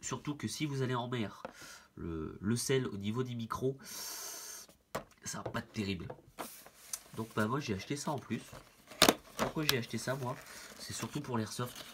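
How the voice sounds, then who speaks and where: This man has a head cold and sounds stuffy as he casually demonstrates a product, hesitating and using many fillers. He speaks at medium pitch and normal speed but with long pauses, and there's a lot of background noise. He's a product reviewer doing a hands-on demo.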